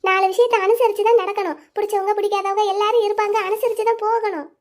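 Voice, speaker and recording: Young wife in a cartoon story, gentle, coaxing, rapid delivery; a woman voices her. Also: very high voice, level tone. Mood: pleading. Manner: coaxing, questioning.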